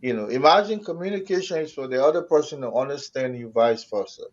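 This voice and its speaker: A man's voice: medium pitch, animated, fast talker. A man with a Liberian accent explaining things conversationally in a talk show discussion, often repeating his phrases. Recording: dull lo-fi audio.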